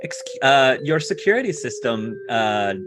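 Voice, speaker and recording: A man's voice: medium pitch, very animated, normal speed. A man improvising narration as the game master of a tabletop role-playing game. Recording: music playing behind.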